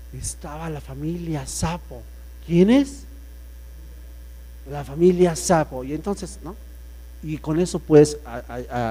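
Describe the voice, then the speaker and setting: A man giving a playful public speaking workshop, joking and swinging his voice around to demonstrate. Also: mellow. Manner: playful, jokey, swings pitch and volume to demonstrate. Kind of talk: lively workshop lecture with voice demonstrations. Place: workshop room with an audience.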